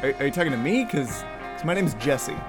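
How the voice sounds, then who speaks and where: A man's voice: fairly high pitch, very animated, fairly quick, over loud music. A man playing a stammering cheeky soldier. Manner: stammering, wry. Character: hesitant, cheeky young male soldier. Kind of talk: comedic audio drama.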